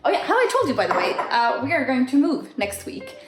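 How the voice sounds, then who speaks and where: Brisk and high-voiced, this woman swoops wildly up and down in pitch as she chats. A Finnish vlogger and Instagram creator who grew up speaking Swedish, she fills her casual home Q&A with fillers and soft restarts. The mic sits far away in an echoey room, with background music.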